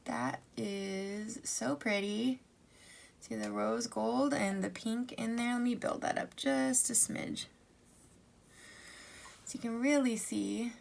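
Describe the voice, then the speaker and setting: Casting: female beauty vlogger, bubbly makeup-tutorial chat, slightly high voice with noticeable vocal fry. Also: a bit bright. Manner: gushing, bubbly, chatty asides. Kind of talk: chatty makeup tutorial, swatching eyeshadow.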